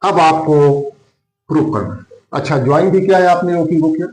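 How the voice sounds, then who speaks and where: In an echoey room with faint music behind, a man with a fairly high, darkish voice teaches a maths lesson at a board in Hindi mixed with English terms. He slowly dictates a geometry proof, asking and answering his own questions as he writes.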